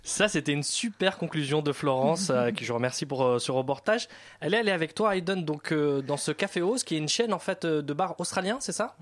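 A man hosting a casual talk show, halting often with fillers as he goes. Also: on the high side, expressive, faint music behind. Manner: hesitant, many fillers. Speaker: host. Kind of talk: casual chat.

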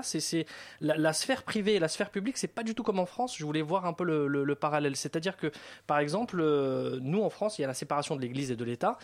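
Hesitant male talk show host. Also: fairly high pitch. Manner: hesitant, many fillers. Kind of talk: casual chat.

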